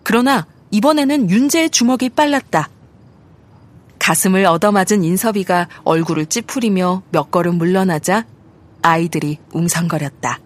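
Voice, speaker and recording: A woman reading an audiobook story aloud in a steady, measured narration. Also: lowish voice. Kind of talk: scripted narration.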